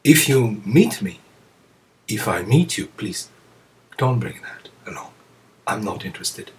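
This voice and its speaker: A man giving a reflective Zen teaching talk to students, musing aloud with many pauses and soft chuckles. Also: fairly low pitch, very animated. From France. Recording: voice picked up from a distance.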